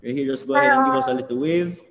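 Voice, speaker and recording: A man with a Jamaican accent hosting a student office live stream, introducing committee members in a relaxed, chatty way. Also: medium pitch, racing. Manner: relaxed, chatty, laughs between words. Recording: echoey room with long reverb, faint noise.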